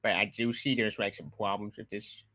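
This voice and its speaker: A man's voice: lowish voice, steady tone, normal speed, sharp tone, dry recording. A man chatting as a panelist on a casual livestream, loose and filler-heavy with "like".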